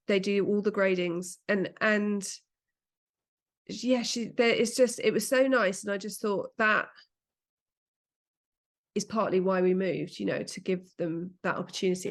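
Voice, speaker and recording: A woman co-hosting a podcast in casual chat, talking in rambling, self-correcting runs. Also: mid-range voice. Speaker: podcast co-host.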